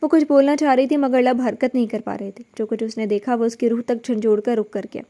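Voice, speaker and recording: A woman narrating a dramatic novel in an expressive, emotional style. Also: on the high side.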